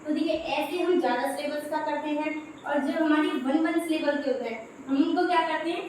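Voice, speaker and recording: A woman teaching English grammar in Hindi, explaining step by step in a patient classroom manner. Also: high-pitched. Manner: explains step by step, repeating "dekhiye". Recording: very echoey room, faint background noise.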